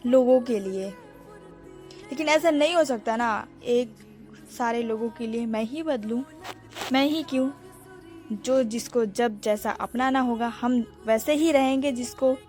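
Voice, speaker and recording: A woman's voice: a little high, a little slow, pauses often, a little mellow, soft background music. Chatty young woman vlogging. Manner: chatty, addresses her audience as friends. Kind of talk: casual vlog narration.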